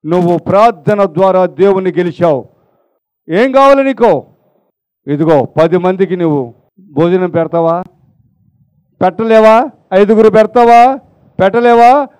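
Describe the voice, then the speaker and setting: A man voicing a calm, low-voiced cherub. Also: unhurried, pauses often, clear, resonant tone, dry recording, low-quality recording. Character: calm heavenly male cherub messenger.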